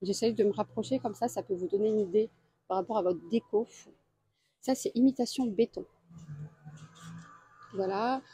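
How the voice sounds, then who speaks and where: A woman's voice: medium pitch, mellow, husky, no room sound. Woman walking a store aisle. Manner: chatty, lists prices and sizes with many pauses. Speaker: deal-hunting vlogger. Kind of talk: casual store walkthrough. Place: home improvement store aisle.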